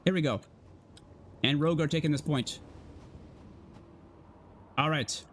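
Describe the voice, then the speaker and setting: A man hosting and casting a live esports tournament, excitable and chatty, thinking aloud as he goes. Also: on the high side, measured pace, slight background noise. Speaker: tournament caster and host.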